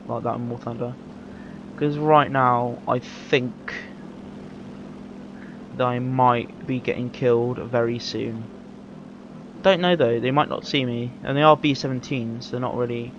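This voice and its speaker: A man chats through his gameplay in a loose, easygoing way, often stopping to correct himself. His mic sounds dull and lo-fi. Engine and game sounds run clearly underneath him. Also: mid-range voice. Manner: rambling, self-correcting, easygoing. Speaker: gameplay commentator. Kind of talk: casual live gameplay commentary. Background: game engine and vehicle noise.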